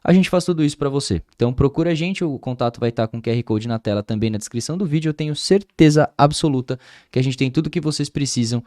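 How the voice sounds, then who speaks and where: A man with a Brazilian Portuguese accent hosting a podcast in a studio, chatting in long, relaxed, winding sentences. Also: mid-range voice, fast, no room sound. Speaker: podcast host. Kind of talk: casual interview chat.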